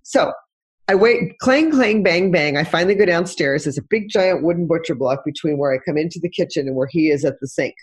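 A woman's voice: low-pitched, a little fast, breathy edge. A middle-aged woman, a relationship coach on a talk show, telling stories expressively and acting out the dialogue. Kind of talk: animated talk-show interview.

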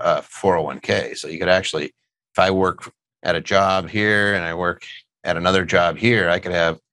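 A man's voice: low voice, fairly bright tone, dry recording. A middle-aged man hosting a casual tax question show, answering listener questions and cracking dad jokes. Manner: joking, rambling, dad-humor asides.

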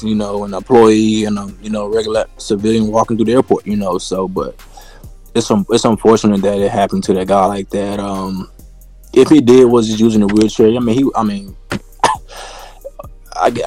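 A man's voice: on the low side, darkish tone. A man co-hosting a casual sports talk show, rambling and leaning heavily on "you know" and "like I said".

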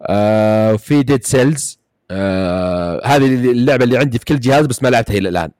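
A man's voice: mid-range voice, lively intonation, fast talker, a little mellow, no echo, studio quality. A man with a Saudi Gulf accent, chatting casually about games, rambling with many fillers and restarts. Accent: Gulf Arabic, Saudi. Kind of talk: casual gaming chat.

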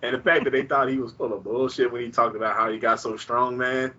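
A man's voice: medium pitch, steady tone, fast talker, sharp tone, slightly rough, dull audio. A man with a Southern US accent chatting casually like a folksy good ol' boy, slangy, joking and bawdy. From American South. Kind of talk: casual group chat.

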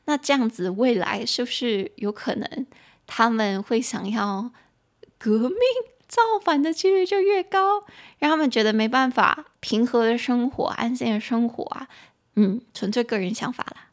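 A woman hosting a podcast English lesson. She switches between Mandarin and English, repeats phrases slowly, spells words letter by letter, and adds frank personal opinions. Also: fairly high pitch. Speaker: podcast host and English teacher.

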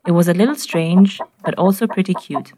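A woman from Nairobi with a Kenyan accent, narrating a scripted personal story in clear, simple short sentences. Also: fairly low pitch, fairly quick, warm tone, no echo.

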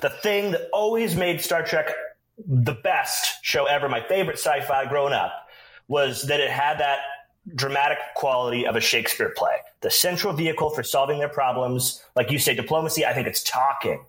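A man's voice: mid-range voice, moderate pace, fairly bright tone. A man in casual chat who eagerly leads the discussion as a podcast co-host. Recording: roomy echoey recording.

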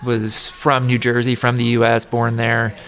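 An American man interviewing a footballer, asking prepared questions in a measured way. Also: mid-range voice, completely flat delivery, a bit bright. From United States.

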